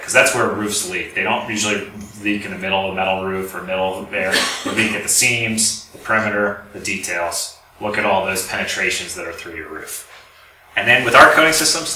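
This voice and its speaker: This deep-voiced man sounds pushed and bright as he explains technical material informally to an audience. He is a lecturer representing a company, speaking in an indoor lecture room. The recording is roomy, captured from a distance, with faint noise in the background.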